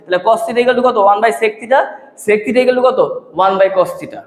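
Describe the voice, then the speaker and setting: Guy teaching math, high voice, lots of echo, keeps asking the class questions and repeating stuff. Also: normal speed. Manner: repeats key terms and quizzes students with questions; uses rhymes as memory aids. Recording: echoey, reverberant room.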